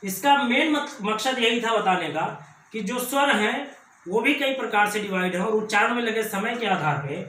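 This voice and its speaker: A man teaching a grammar lesson, explaining slowly and repeating key points. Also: very high voice, pushed and bright, reverberant, recorded from a distance, low-quality recording. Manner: slow, repetitive explaining.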